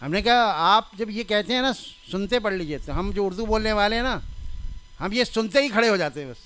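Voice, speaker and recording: High-voiced older man giving a sermon. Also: expressive, a bit bright. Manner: conversational, anecdotal, stresses correct pronunciation; laughs at his own anecdotes. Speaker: religious scholar giving a reform talk.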